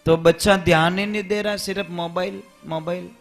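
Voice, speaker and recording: A man's voice: high voice, fairly even intonation, moderate pace, creaky, faint music behind. A man with a Rajasthani accent preaching a devotional sermon, telling a family story and acting out its dialogue.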